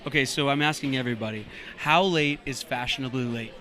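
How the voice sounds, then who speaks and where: A man's voice: mid-range voice, fast talker, bright, forceful tone. A man hosting a casual live red carpet interview in a friendly, informal manner.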